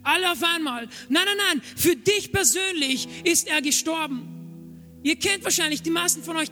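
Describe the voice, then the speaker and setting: High, bright-voiced man preaching a sermon. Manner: emphatic, repeats key phrases. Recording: long hall reverb, faint music.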